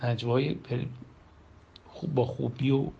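A man's voice: medium pitch, fairly even intonation, creaky, warm tone. A man giving a Quran commentary lesson, reciting verses and then explaining them in plain, conversational speech. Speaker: Quran teacher. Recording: dull lo-fi recording with faint background hum.

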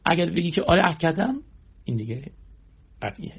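Raspy, gravelly-voiced man preaching. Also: fairly high pitch, lively intonation. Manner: asks rhetorical questions and answers them. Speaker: religious teacher. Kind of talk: sermon explaining Quranic verses. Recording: dull lo-fi recording.

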